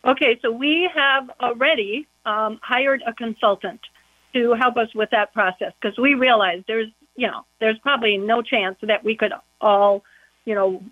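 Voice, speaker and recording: A woman speaks over a muffled, tinny phone line that sounds like it comes through a wall. Her voice sits a little high and has no room sound around it. She talks in an easygoing, chatty way, with plenty of fillers. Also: normal speed, dry recording. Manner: chatty, full of "you know" fillers. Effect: muffled phone line, as if heard through a wall. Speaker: county board member. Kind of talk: casual phone-in interview.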